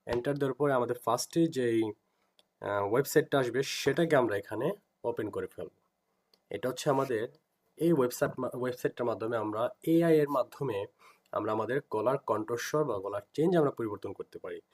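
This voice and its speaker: Here a Bangladeshi-accented man teaches software casually, going step by step and often saying things twice. He talks a little fast in a mid-range voice.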